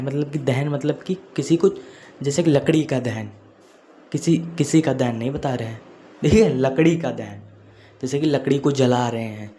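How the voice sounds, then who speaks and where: A man's voice: medium pitch, dark tone. Male teacher, echoey room. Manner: repeats points, frequent "theek hai" check-ins. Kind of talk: chemistry lecture to students. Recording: echoey room with faint noise.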